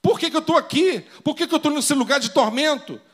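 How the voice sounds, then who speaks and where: A man's voice: extremely high pitch, brisk, voice pushed up. A man preaching acts out a bewildered churchgoer in torment, who pleads and protests that he belonged to the church. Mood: panicked.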